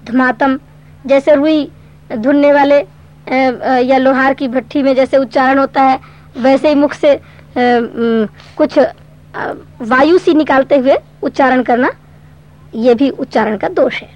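A woman teaching a Sanskrit grammar lesson, explaining patiently step by step and reciting verse slowly. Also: sits high, fairly even intonation. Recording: dull lo-fi recording.

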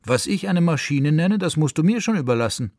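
A man's voice: on the high side, lively intonation, fairly quick, a little mellow, no echo, voice pushed up. A man voicing God as a small green man who answers in a dry, offhand, grumbling way, read for radio. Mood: shrugging. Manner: laconic, shrugging replies, grumbling. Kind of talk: story reading for radio.

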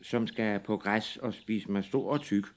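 A man's voice: lowish voice, slight background noise, close to an everyday voice. Middle billy goat, nervous and eager, kids' tale; man voices it.

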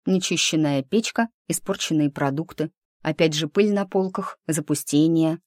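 A woman narrating a first-person audiobook in a lively, ironic storytelling manner. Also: sits low, normal speed, dry recording, clean studio sound.

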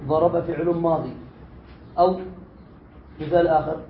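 A man with a fairly high voice teaches a grammar lesson in a roomy space, quizzing his students and echoing their replies before explaining. The recording is dull and lo-fi, with a faint hiss underneath. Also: fairly even intonation, normal speed. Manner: quizzes students, repeats their answers, then reads and explains with rising force. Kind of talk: classroom lesson with questions to students.

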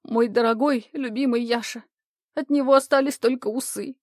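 A woman voicing a plump grieving woman who speaks in a slow, tragic, drawn-out way in an audiobook. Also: fairly high pitch, steady tone, no room sound, studio quality, lightly acted. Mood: lamenting.

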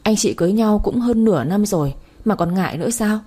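A woman's voice: medium pitch, animated, fast, warm tone, breathy edge, pitched above the performer's own voice. A woman voicing a blunt young woman who argues sharply and impatiently. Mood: arguing.

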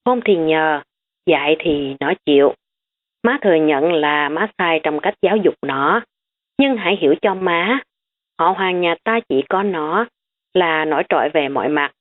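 A woman's voice: sits low, expressive, a little slow. A woman voicing a stern elderly grandmother who lectures her family firmly. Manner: firm, lecturing. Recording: tinny phone-like recording.

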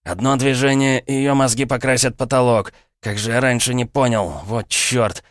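A man's voice: medium pitch, fairly even intonation, a little fast, no echo, clean studio sound, pitched above the performer's own voice, natural voice. A man voicing a vicious, jumpy armed bandit who snarls and barks orders in a storybook reading. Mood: frantic.

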